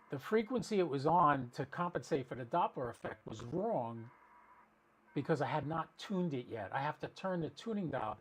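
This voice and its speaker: This man hosts a ham radio livestream, narrating casually and working through ideas aloud while explaining, with frequent sentence restarts. His voice is on the high side and husky, captured in a rough recording.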